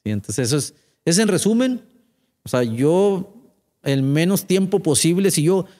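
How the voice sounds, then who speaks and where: Mellow-voiced man giving testimony. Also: a little high, expressive, measured pace. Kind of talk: conversational testimony.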